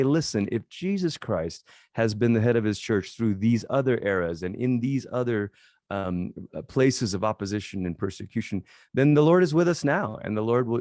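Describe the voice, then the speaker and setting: Earnest man pastor, low dry voice. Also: a little mellow, dry recording. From Malaysia. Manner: thoughtful, earnest, restarts phrases often. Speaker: pastor and podcast guest. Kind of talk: conversational podcast interview.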